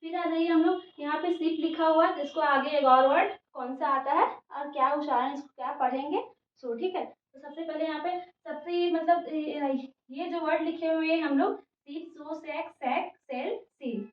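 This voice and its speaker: A woman's voice: high-pitched, steady tone, moderate pace. A woman teacher giving an English pronunciation lesson in Hindi, spelling words out letter by letter and checking in with "theek hai" after each step. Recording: muffled, echoey room, voice from a distance.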